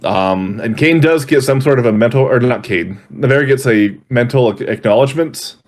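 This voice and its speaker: A man running a tabletop role-playing session as game master. His voice sits at a middle pitch, and he narrates in halting bursts, often stopping to correct himself.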